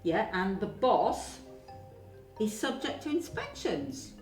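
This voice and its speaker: A woman speaks in character at a tabletop game, haughty and imperious. Her pitch moves around a lot. The recording is echoey and distant, with music clearly audible behind her. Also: huge pitch swings, slow pace. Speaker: player. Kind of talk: in-character role-play. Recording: roomy, distant mic, music.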